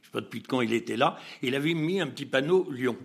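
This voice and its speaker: A man telling an anecdote as an interview guest. He is a lively storyteller who acts out dialogue, laughs often, and hesitates and restarts. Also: mid-range voice, fast talker, creaky, breathy edge.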